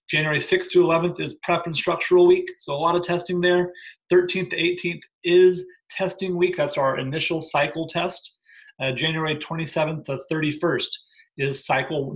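A gym programming coach in his thirties talks at normal speed in a slightly high voice, briefing gym owners from his living room over a laptop webcam. Energetic and emphatic, he keeps throwing in "right?" asides. The recording quality is low.

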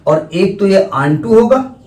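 A man's voice: high-pitched, animated, slow pace, a little mellow. A man lecturing a math class, explaining step by step, repeating terms and asking the students questions. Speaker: math teacher. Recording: echoey room from far off, faint noise.

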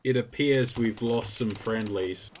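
A man's voice: medium pitch, measured pace, a little hiss or hum. Blunt, sweary British man giving orders. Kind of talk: live gaming chat.

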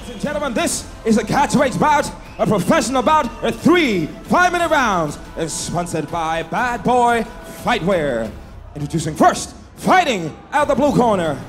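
A man in his thirties announcing fighters as a boxing ring announcer, booming and theatrical, drawing out the names over an arena PA. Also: sing-song. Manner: booming, theatrical, drawn-out name calls. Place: large indoor fight arena, in the cage. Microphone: handheld microphone over arena PA. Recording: echoey arena PA, crowd and music.

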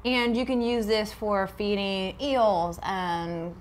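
A woman's voice: medium pitch, slow, a little hiss or hum. A woman co-hosting a casual livestream, chatty and upbeat with lots of fillers while she demonstrates. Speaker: co-host of a livestream. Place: aquarium studio.

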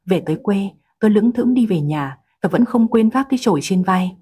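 A woman narrating a first-person story in a calm, even storytelling manner. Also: medium pitch, fairly quick, husky.

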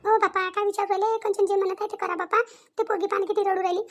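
A woman voicing a loud, bossy village mother in a cartoon, firing off excited questions. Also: very high-pitched. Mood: fussing. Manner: excited, rapid questions, nagging. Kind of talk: cartoon voice acting.

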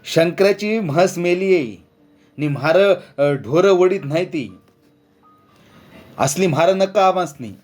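Brief: male narrator as hot-headed rural washerman, raised pitch, shouting. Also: fairly even intonation, quick pace, hardly any pauses, soft background music, lightly acted. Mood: angry. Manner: shouting, defiant rural speech.

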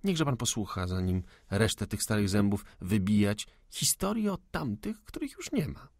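A man voicing a proud young lady of the manor, calm, witty and unafraid, in an audiobook. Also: fairly low pitch, moderate pace, no room sound, studio quality. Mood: coaxing ironic. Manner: cool, ironic, unafraid.

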